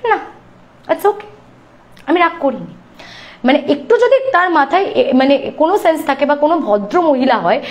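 A woman in her thirties with a Bengali accent, a YouTuber telling a story to her live audience in an animated, indignant way. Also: high voice. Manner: animated, indignant, acts out the people she quotes. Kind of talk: casual storytelling chat.

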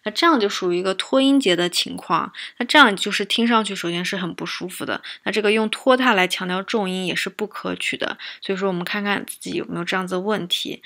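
A young woman teaching English pronunciation in a lesson, explaining patiently and repeating example words slowly. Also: mid-range voice, creaky, bright, forceful tone. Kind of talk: exam prep lesson with spoken demonstrations.

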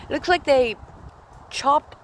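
Woman, phone-filmed walk in a park, rambling chatty delivery, slow pace, faint outdoor noise behind. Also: sits high, poor audio. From California. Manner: chatty, rambling, coos at animals. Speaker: vlogger. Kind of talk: casual walking vlog. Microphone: phone held while filming.

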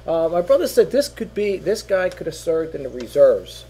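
A middle-aged online seller casually walks through items he's selling from a small home office, recorded on a webcam at his desk. He rambles with many fillers and repeats, and he's losing his voice, which wears thin. His voice is on the high side with big pitch swings, a dark tone, and normal speed, with slight background noise.

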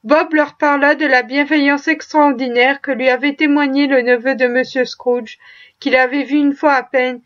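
A woman tells a classic tale in measured, expressive narration. Her voice sits high. The audiobook recording sounds dull and lo-fi.

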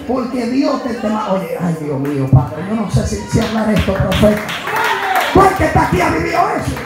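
A man preaching a sermon with a Dominican accent, impassioned, moving between hushed asides and shouted emphasis. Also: very high-pitched. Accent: Dominican Spanish. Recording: echoey hall with music behind. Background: music.

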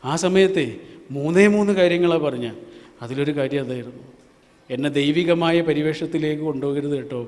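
A man preaching an Islamic sermon, asking rhetorical questions, chanting verses slowly, and swinging from loud to hushed. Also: a little high. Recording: long hall reverb.

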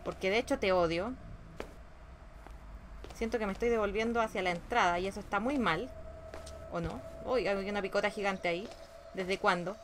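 A woman's voice: mid-range voice, normal speed, pauses often, a bit bright, slight background noise. A young woman giving casual gameplay commentary, sassy and talking back to the game. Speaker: gameplay streamer.

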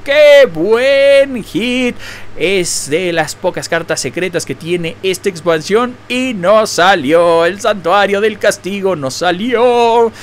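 A man hosting a card-opening video, excitedly naming each card and repeating himself. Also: high-pitched, takes it slowly, hardly any pauses, slight background noise. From Mexico. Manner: excitable, exclaims and laughs at rare pulls, repeats phrases. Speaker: card-opening channel host. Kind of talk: excited unboxing commentary.

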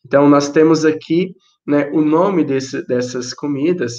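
A man's voice: fairly high pitch, measured pace, a little mellow, highs cut off. A man from Brazil teaching English to children in an online class, patiently repeating and explaining.

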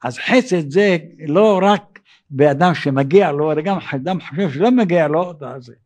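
An older man gives a rabbi's sermon in a fairly high voice. He speaks haltingly with frequent pauses. He rises into animated, raised tones when he acts out dialogue. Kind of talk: evening sermon.

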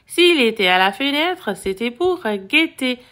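Slow, expressive woman reading a children's book. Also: fairly high pitch. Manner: expressive storytelling. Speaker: reader. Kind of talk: children's book read aloud.

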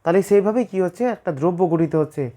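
Mellow-voiced Bengali teacher drilling questions. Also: male voice, high voice, animated, quick pace. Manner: repeats questions and answers them himself. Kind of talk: exam-prep lecture.

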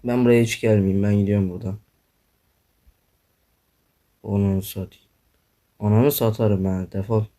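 A young man commenting on his own gameplay, groaning, swearing and complaining loudly as he plays. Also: lowish voice, steady tone, moderate pace, long pauses. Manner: frustrated, swearing, groaning, yelping. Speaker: gaming YouTuber.

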